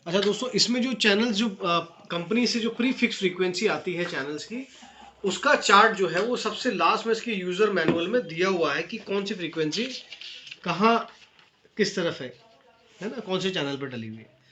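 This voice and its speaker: A high-voiced Indian man moves at a moderate pace through a casual unboxing, explaining the product's features in a friendly way to viewers and mixing in English terms. Echo, steady noise and clicks fill the room.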